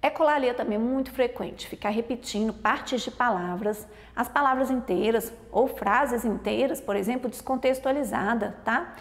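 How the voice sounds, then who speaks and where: A woman with a Brazilian Portuguese accent teaches as a pediatric neurologist, her voice sitting fairly high. She explains step by step and keeps checking in with short tag questions. The recording carries a long, lingering reverb. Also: normal speed, few pauses. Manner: explanatory, peppered with "tá?" check-ins. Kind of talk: explanatory video lesson.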